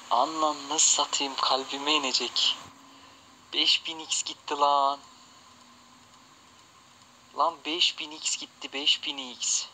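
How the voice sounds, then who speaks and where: Slow, swearing man reacting to slots. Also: on the high side, a little hiss or hum, poor audio. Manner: cursing and shouting in frustration. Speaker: casino slot streamer. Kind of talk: live slot stream reaction.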